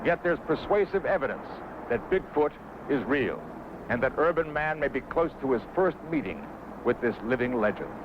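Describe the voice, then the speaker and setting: An American man narrating a nature documentary from a script in a measured, suspenseful, dramatic way. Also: medium pitch, big pitch swings, noisy background. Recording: dull vintage TV soundtrack, loud music behind. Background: loud background music.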